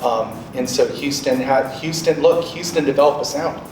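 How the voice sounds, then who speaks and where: Over music, a medium-pitched male voice at normal speed explains things conversationally to a group in an informal instructional talk, dropping in short questions to check in. The speaker is a radio programmer in his late thirties, there as a guest speaker. His mic is distant, the room echoey, and the background noise loud.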